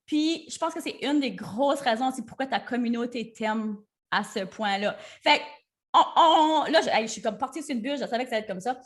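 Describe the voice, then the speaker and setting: A woman's voice: on the high side, lively intonation, fairly quick. A woman hosting a podcast, chatty and enthusiastic, mixing in English words. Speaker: podcast host. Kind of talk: casual interview chat.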